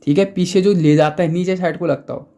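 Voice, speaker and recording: A man's voice: high voice, fairly even intonation, a little fast, dark tone. A man teaching Hindi grammar in a casual exam-prep lesson, chatty, asking and answering his own questions and repeating key points.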